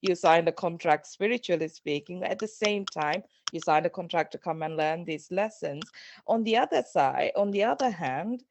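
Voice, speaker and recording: A woman's voice: on the low side, expressive, normal speed, darkish tone, slight background noise. A middle-aged woman from Sri Lanka, a guest on a podcast interview, speaking in a reflective, earnest way and often restarting phrases. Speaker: guest, parenting coach.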